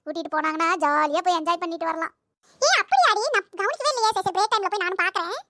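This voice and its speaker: A woman's voice: extremely high pitch, rapid-fire, sharp tone, dry recording, clean studio sound, heavily acted. A woman voicing a chatty, teasing young schoolgirl in a cartoon. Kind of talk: cartoon voice acting.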